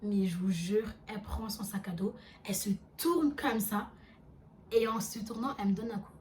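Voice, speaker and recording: A young woman vlogger telling a storytime, animated and chatty with lots of fillers. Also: mid-range voice, moderate pace, distant mic, slight background noise. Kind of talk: storytime vlog.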